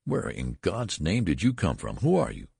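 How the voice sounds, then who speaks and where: A man's voice: very deep voice, sing-song, normal speed, dry recording, clean studio sound, heavily acted. A man voicing a frantic, mortified father with an agitated, gasping manner in a story reading. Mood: frantic rage. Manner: agitated, gasping, hoarse outbursts.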